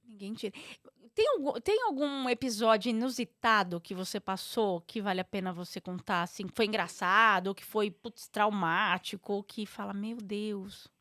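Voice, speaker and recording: A woman's voice: mid-range voice, a bit bright, no echo, studio quality. A woman in her forties hosting an interview, reacting supportively and sharing a story about her own daughter. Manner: supportive, quick reassuring interjections. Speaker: host. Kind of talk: casual interview chat.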